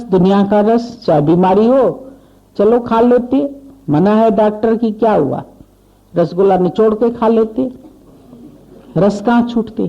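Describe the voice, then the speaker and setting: A woman's voice: medium pitch, dark tone. A woman speaking as a spiritual teacher in a devotional sermon, retelling a parable and putting questions directly to her listeners. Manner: retells a parable with voiced dialogue. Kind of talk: devotional satsang sermon with storytelling. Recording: dull lo-fi recording.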